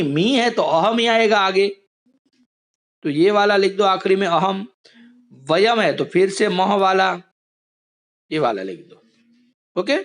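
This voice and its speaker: A man's voice: sits high, fairly bright tone. A man teaching an online class, patiently explaining step by step over a video call.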